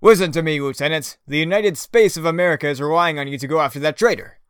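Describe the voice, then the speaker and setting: A man's voice: fairly high pitch, quick pace, a bit bright, clear, resonant tone, dry recording, clean studio sound, natural voice. A man playing a bombastic patriotic space captain. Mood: urgent. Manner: earnest, overblown heroic delivery. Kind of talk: comedy audio drama acting.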